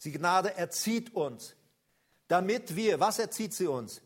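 A high-pitched man preaching with fervor, calling his listeners to stand up and stop complaining. He addresses them directly, building to loud rallying cries and then dropping to quiet, confiding asides. His delivery is emphatic and rousing throughout. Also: animated, slow. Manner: swings between loud calls and low intimate asides. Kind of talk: charismatic sermon.

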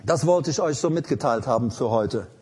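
Brief: emphatic male preacher before a congregation, a husky voice that swings in pitch. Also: animated, a little fast, darkish tone. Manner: emphatic, repeats lines, laughs while preaching. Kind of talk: live sermon.

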